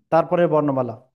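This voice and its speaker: A man with a slightly high voice gives a slow, patient pronunciation lesson. He sounds out each letter again and again, stretching the vowels and checking that the listener understands. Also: vocal fry, phone-quality sound. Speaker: Quran recitation teacher.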